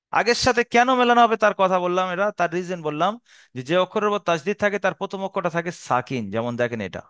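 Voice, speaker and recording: A man teaching Quran reading in a slow, patient lesson. He explains each rule again and again and draws out the Arabic syllables he recites. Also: sits high, fairly bright tone, clean tone, no room sound, studio quality.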